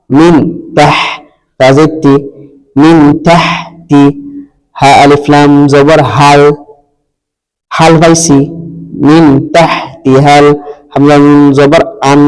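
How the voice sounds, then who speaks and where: Man slowly spelling out Quranic syllables. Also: on the high side, smooth. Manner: spells each letter and vowel, then blends syllables slowly; repeats syllables and tells listeners to pay attention. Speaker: Quran reading teacher. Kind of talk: slow spelled-out recitation lesson. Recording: long reverb.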